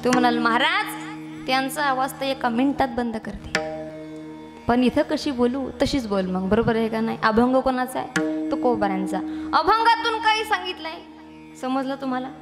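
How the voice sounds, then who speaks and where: A woman preaching a devotional kirtan sermon, teasing her women listeners and calling for answers in lively call-and-response. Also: a little high, normal speed, big-room sound, over loud music.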